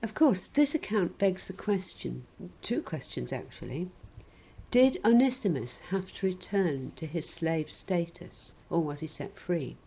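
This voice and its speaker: A woman preaching a sermon in a measured, gently wry reflective way. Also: on the low side, lively intonation, husky, poor audio.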